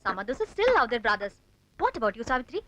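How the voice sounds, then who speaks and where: A woman's voice: a little high, very animated, extremely slow, exaggerated voice. An actress playing a snobbish young woman who teases and mocks, mixing English phrases into her speech. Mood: teasing. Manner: mocking, teasing, mixes in English phrases. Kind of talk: film drama acting. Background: loud film music.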